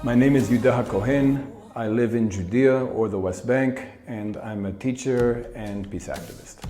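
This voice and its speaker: A teacher and peace activist in a panel discussion, explaining his views in a measured, step-by-step way. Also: medium pitch, mellow, soft background music.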